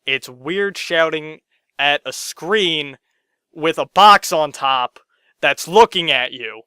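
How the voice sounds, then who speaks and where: A man's voice: a little high, takes it slowly, clear, resonant tone, no room sound, clean studio sound. Sarcastic young man ranting to camera. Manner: swings between loud outbursts and muttered asides, sarcastic, swears often. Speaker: gaming vlogger. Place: his own room.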